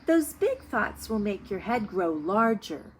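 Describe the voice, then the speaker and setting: A woman's voice: mid-range voice, very animated, takes it slowly, a little hiss or hum. A woman voicing a helpful male frog who gives firm, reassuring instructions in a children's storybook. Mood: helpful, encouraging. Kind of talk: children's storybook read-aloud.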